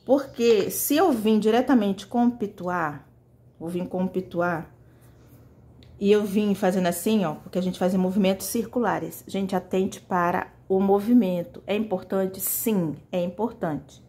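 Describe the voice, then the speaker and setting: A woman's voice: mid-range voice, unhurried, warm tone. A woman leads a casual fabric painting lesson with her hands busy at the brush. She chats directly to her viewers in an easy, talkative way. The mic sits close to her voice. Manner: chatty, talks directly to viewers. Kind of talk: casual tutorial.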